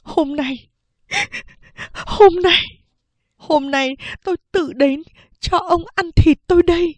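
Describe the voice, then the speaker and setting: A woman's voice: a little slow, no echo. Woman voicing a bold young daughter-in-law. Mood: bold, bitter. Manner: higher, pleading tone.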